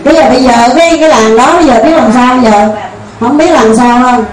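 High-voiced woman storyteller. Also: fairly quick. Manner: homely and conversational, with frequent restarts. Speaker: storyteller and teacher. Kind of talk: casual spoken teaching with a folk tale. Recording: roomy distant recording with faint ambience.

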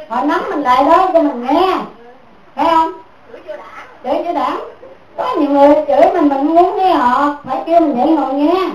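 A woman giving a Buddhist dharma talk as a teacher, repeating her points and asking listeners "right?" again and again. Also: high voice. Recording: echoey room, mic far off.

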